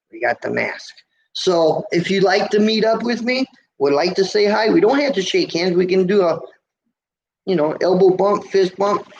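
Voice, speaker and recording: This middle-aged US trucker hosts a chatty, folksy live chat from a motel room, reading viewers' comments while rambling with plenty of fillers and restarts. His voice is a bit high, squeaky, and gravelly. Faint hiss runs behind the lo-fi livestream sound.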